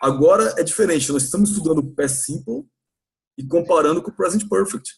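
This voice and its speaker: A man with a Brazilian Portuguese accent teaching an English lesson in a church classroom, stretching out model phrases slowly for students to repeat. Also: a little high, creaky.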